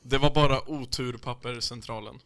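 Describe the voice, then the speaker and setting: A man's voice: medium pitch, fairly even intonation, fairly bright tone, smooth, dry recording. A young man hosting a casual podcast, reading out listener answers and joking with loose swearing. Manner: laughing, swearing, loose banter.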